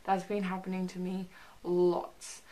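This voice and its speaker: A woman's voice: lowish voice, completely flat delivery, measured pace, mellow. A young woman chatting casually to camera in a rambling, hesitant way, her articulation a little restricted by a stiff jaw after surgery. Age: young adult. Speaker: vlogger. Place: small bedroom, indoors.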